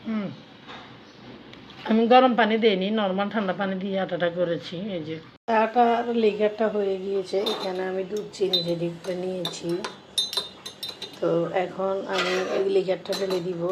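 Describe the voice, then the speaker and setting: A young woman with a cold-roughened, hoarse voice, casually talking viewers through her breakfast cooking in her home kitchen. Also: mid-range voice, steady tone, moderate pace, background noise. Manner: chatty, shows each step. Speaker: vlogger.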